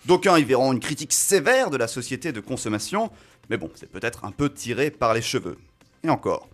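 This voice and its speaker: A man's voice: medium pitch, very animated, brisk. A man giving a casual film chronicle on a radio show, chatty and self-mocking, with many fillers and restarts. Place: radio studio.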